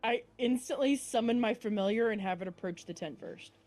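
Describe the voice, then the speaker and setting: A woman's voice: fairly high pitch, a little fast, a little mellow. A woman playing a tabletop game, talking politely and eagerly. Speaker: player.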